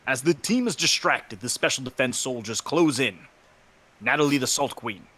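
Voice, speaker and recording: A man's voice: medium pitch, lively intonation, moderate pace, pushed and bright. A man narrating a fanfiction reading with friends, upbeat as he announces each speaker's cue. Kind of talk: casual chat and fanfiction narration.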